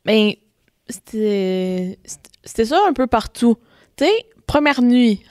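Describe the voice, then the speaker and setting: A woman's voice: on the high side, expressive, takes it slowly, darkish tone, dry recording, studio quality. A young woman with a Québécois French accent, co-hosting a casual chat, telling her stories hesitantly. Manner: hesitant, many restarts, laughs easily. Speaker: co-host.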